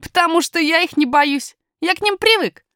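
A woman's voice: extremely high pitch, moderate pace, sharp tone, dry recording, studio quality, pitched above the performer's own voice. A woman reading a storybook, voicing a bold, earnest young miner boy in a firm, matter-of-fact way. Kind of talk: audiobook character voice.

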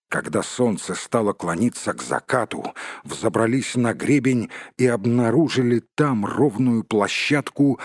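Husky-voiced male narrator, dry and close, steady storybook reading. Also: fairly low pitch, dry recording. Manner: steady storytelling, addresses listener. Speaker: audiobook narrator. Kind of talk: scripted narration.

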